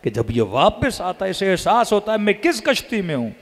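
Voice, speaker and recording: A man's voice: high voice, big pitch swings, normal speed, in a large hall, slight background noise. A man, a cleric, preaching a religious sermon that he drives with rhetorical questions he answers himself in repeated chants.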